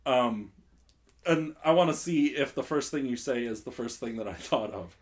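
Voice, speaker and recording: A man's voice: medium pitch, moderate pace. A young man hosting a casual podcast quiz game, laughing often and filling gaps with "um". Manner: laughs often, filler-heavy. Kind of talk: casual chat.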